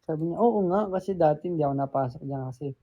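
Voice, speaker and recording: Young man, live-stream host, storytelling, laughs a lot, slightly high-pitched. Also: quick pace, muffled recording. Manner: chatty storytelling, mixing in English, acts out quotes, laughs often. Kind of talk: casual live-stream chat.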